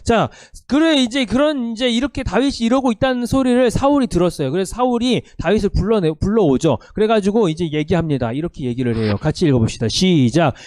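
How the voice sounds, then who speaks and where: A man preaching a sermon to a youth group, animated and conversational, often asking his listeners questions. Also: high-pitched, quick pace, hardly any pauses, no echo, studio quality. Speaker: youth pastor.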